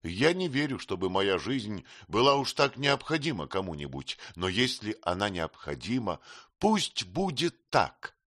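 A man's voice: lowish voice, very animated, a little slow, fairly bright tone, no echo, exaggerated voice. Brief: male reader playing a worried but resolute young woman, dry close recording. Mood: anxious resolve. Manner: anxious, resolute.

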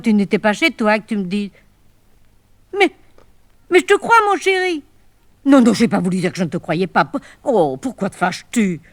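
An older actress playing a desperate woman pleading with her departing lover on the telephone, halting and swinging between emotions. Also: mid-range voice, dry recording, natural voice. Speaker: actress in a one-woman play. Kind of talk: theatrical monologue on the telephone.

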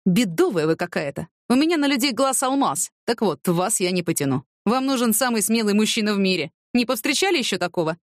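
A wry, streetwise homeless man who drawls his mocking slang and likes to philosophize, as a woman reads him out. The pitch swings widely from line to line, and the sound is dry and close. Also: animated, a little fast, few pauses, no room sound, close to an everyday voice.

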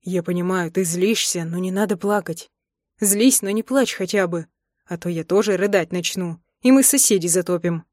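A woman voicing a calm, teasing young husband. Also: on the low side, moderate pace, no echo, studio quality, lightly acted. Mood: coaxing. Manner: unruffled, coaxing.

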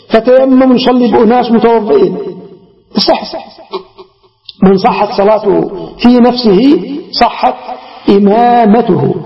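A man teaching a religious text in a measured, deliberate way, asking questions and answering them himself. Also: very high-pitched, creaky. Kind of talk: classroom lecture explaining a text. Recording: echoey hall, dull lo-fi sound.

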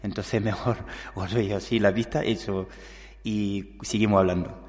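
Low-voiced man from Senegal in a hall. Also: fairly even intonation, a little mellow. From Casamance, southern Senegal. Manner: halting, searching for words, frequent restarts. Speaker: invited speaker telling his migration story. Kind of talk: public talk, personal testimony. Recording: long hall reverb.

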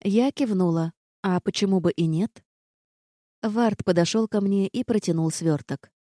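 A woman reading a fantasy story aloud in the first person, calm and even in her storytelling. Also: medium pitch, unhurried, no room sound, studio quality. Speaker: audiobook narrator. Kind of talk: first-person audiobook narration.

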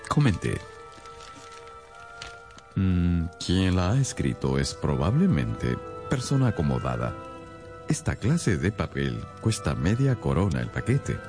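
A courteous doctor, loyal companion and storyteller of a radio drama. His voice is very deep and expressive, with an earnest, measured delivery. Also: heavily acted. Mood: attentive. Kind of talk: radio drama acting and scripted narration.

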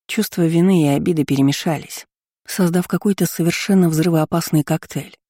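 An audiobook reader telling a story in an expressive, even and measured way. The voice is dark and mellow, recorded close with a dead, dry sound. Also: medium pitch, no echo.

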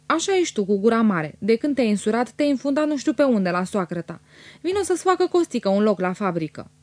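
A woman voicing a well-fed, wealthy young lady who scolds her cousin in a high, shrill voice in an audiobook. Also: sing-song, darkish tone, dry recording. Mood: reproachful. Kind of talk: audiobook character reading.

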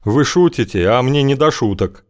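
A man's voice: mid-range voice, animated, moderate pace, darkish tone, voice pushed up, natural voice. A man reading an audiobook, voicing a guarded, evasive wanderer with a dry, wry way of talking.

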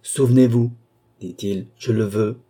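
A man's voice: fairly low pitch, moderate pace, mellow, breathy edge. A man voicing a mysterious count, a mesmerist who gives firm, insistent orders, in an audiobook reading. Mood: commanding. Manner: commanding, insistent.

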